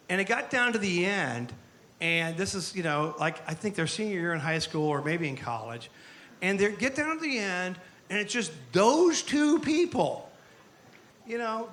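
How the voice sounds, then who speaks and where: Middle-aged dad doing a wedding toast, high bright voice, rambly animated stories. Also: male voice, a little hiss or hum. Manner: storytelling, animated, rambling with restarts. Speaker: father of the bride giving a wedding toast. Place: wedding reception.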